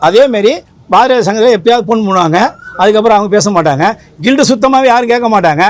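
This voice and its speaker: Fast emphatic high-voiced man. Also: expressive. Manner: emphatic, rambling, repeats himself. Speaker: film association leader. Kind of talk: press interview.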